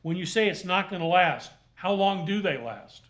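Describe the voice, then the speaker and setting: A man speaking as a magistrate at a formal hearing, questioning and ruling in deliberate, halting, formal phrases. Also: sits high, expressive, fairly bright tone. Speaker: magistrate presiding over a hearing.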